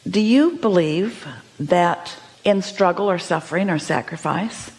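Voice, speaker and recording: A woman's voice: lowish voice, measured pace, a little mellow. A woman teaching a seminar audience, speaking as "we" and posing emphatic rhetorical questions. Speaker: inspirational speaker.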